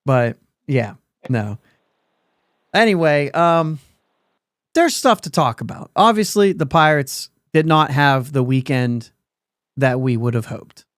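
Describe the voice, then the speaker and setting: A man's voice: medium pitch, lively intonation, slow pace, pauses often, fairly bright tone, dry recording, clean studio sound. A man hosting a sports podcast in casual chat, rambling along and laughing often mid-sentence. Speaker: podcast host.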